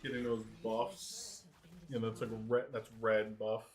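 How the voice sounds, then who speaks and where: A man's voice: medium pitch, lively intonation, a little slow. A man co-commentating live on a video game match in a casual, reactive way with lots of interjections. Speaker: esports co-commentator.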